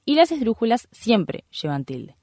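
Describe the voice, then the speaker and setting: A woman's voice: on the high side, big pitch swings, a little mellow, no echo. Patient woman explaining grammar, dry sound. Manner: patient, teacherly, repeats examples slowly. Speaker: radio host. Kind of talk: explaining grammar on a radio show.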